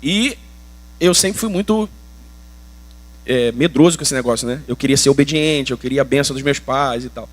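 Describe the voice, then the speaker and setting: A man's voice: medium pitch, normal speed, long pauses. A Brazilian man preaching a sermon as pastor, colloquial and emphatic, with slangy asides. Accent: Brazilian Portuguese.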